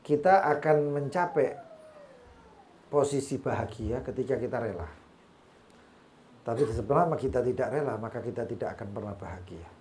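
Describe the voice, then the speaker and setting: A man's voice: mid-range voice, lively intonation, normal speed, long pauses, darkish tone, slight background noise. A man with a Javanese accent teaching an Islamic study session, weaving Arabic quotations and humorous asides into his sermon. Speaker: religious teacher.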